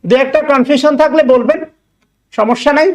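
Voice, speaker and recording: A man's voice: extremely high pitch, moderate pace. A man with a Bangladeshi Bengali accent giving an exam-prep English grammar lecture, repeating key words, joking and asking if students follow.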